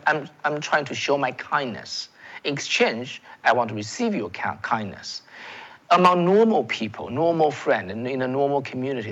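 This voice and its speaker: A native Chinese speaker from China, with a Chinese accent, hosts solo political commentary in a mid-range, slightly bright voice over lo-fi sound. He speaks emphatically, repeating words, restarting phrases, and calling his viewers "folks."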